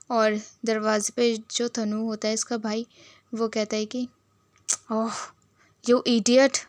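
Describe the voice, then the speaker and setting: A woman's voice: fairly high pitch, no echo. A woman retelling a drama series in casual storytelling narration, lifting her voice for quoted lines. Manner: lively, switches into quoted lines with a lifted voice.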